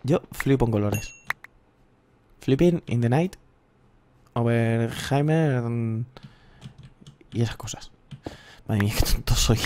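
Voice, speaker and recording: Spanish man, thirties, Castilian accent, excitable gameplay commentator with a mid-pitched voice and faint noise. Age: 30s. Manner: excitable, swears freely, rambling. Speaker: gaming youtuber.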